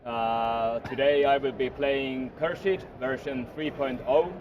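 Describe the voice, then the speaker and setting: A man's voice: medium pitch, steady tone, slow, a little hiss or hum. A man from Finland, introducing himself shyly as a tournament finalist. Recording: muffled with loud crowd behind.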